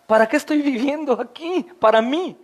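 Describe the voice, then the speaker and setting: A man over forty preaching an expository sermon as pastor, impassioned, often calling out to his listeners as brothers and climbing into high, emphatic questions. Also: moderate pace.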